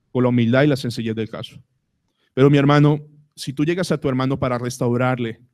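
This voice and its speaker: A man with a Colombian accent, a pastor preaching a sermon at a church service, asking the congregation questions and slowing down to stress words. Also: mid-range voice, a little mellow. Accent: Colombian Spanish.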